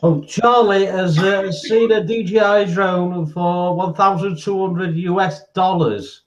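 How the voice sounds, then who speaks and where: A man's voice: high voice, fairly even intonation, takes it slowly. A man hosting a casual live stream, jokey and greeting viewers by name.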